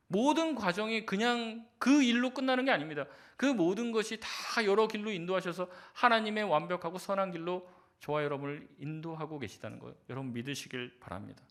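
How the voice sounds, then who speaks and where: A man's voice: sits high, fairly bright tone. A male pastor giving a sermon in a conversational way, asking rhetorical questions and acting out quoted voices.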